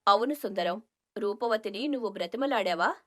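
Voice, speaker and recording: A woman voicing a stern, loyal male alien in an animated story, in a put-on deep voice, earnest and scolding. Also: moderate pace, close to an everyday voice. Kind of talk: storybook cartoon voice acting.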